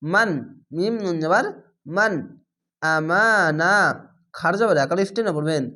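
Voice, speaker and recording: A man teaching a Quran recitation lesson. He spells each word letter by letter, recites it slowly and drawn out, and patiently repeats the rules, sometimes quizzing the viewer. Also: high voice, a bit bright.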